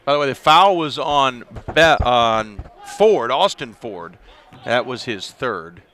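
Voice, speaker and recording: A man calling live basketball play-by-play from an arena broadcast position, chatty and quick to laugh between plays. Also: mid-range voice, animated, fairly bright tone. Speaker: play-by-play commentator.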